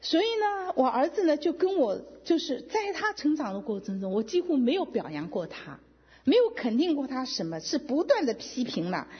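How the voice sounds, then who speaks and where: Animated woman sharing a testimony. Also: sits high, moderate pace. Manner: emotional, animated storytelling with quoted dialogue. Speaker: testimony speaker. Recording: dull lo-fi sound with long hall reverb.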